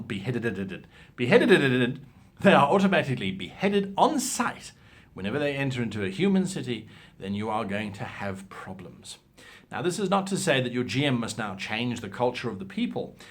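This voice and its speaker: In an instructional talk on role-playing, a medium-pitched man gives advice with a theatrical, emphatic flair. He keeps posing rhetorical questions.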